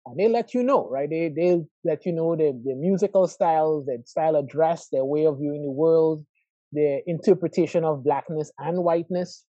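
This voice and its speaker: A man's voice: fairly high pitch, moderate pace, warm tone, no echo. Reflective Trinidadian man, lo-fi call audio. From Trinidad and Tobago. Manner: reflective, thoughtful, many "right?" asides. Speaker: guest, biology professor. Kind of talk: conversational interview over a call.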